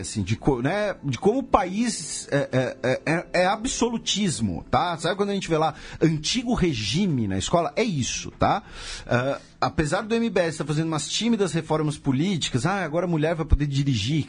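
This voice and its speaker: A man's voice: fairly high pitch, big pitch swings, moderate pace, soft background music. A man with a Brazilian Portuguese accent, hosting a podcast and explaining history in a casual way, full of rhetorical questions and sarcastic asides.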